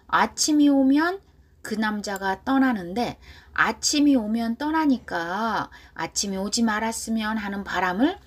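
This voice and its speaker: A woman English teacher giving a pop song pronunciation lesson, repeating lyrics slowly and explaining, sometimes dropping to a whisper. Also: medium pitch, husky. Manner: slow drawn-out repetition of lyrics.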